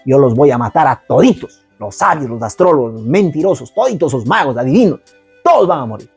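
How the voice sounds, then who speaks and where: A man's voice: medium pitch, very animated, fairly quick, a little mellow, breathy edge, dry recording, faint music behind, exaggerated voice. A man playing a demanding, wrathful ancient king within his sermon retelling. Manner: threatening, commanding.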